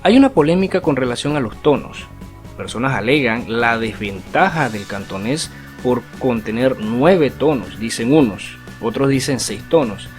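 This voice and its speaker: A man's voice: mid-range voice, animated, moderate pace. Man explaining a language lesson. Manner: didactic, asks rhetorical tag questions. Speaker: Cantonese language teacher. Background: faint guitar music.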